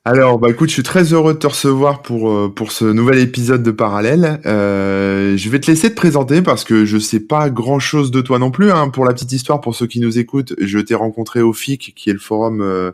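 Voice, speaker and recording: A man's voice: medium pitch, brisk, few pauses. A man hosting a podcast interview, asking questions in an easygoing, chatty way with a few fillers. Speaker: podcast host. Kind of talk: casual interview talk.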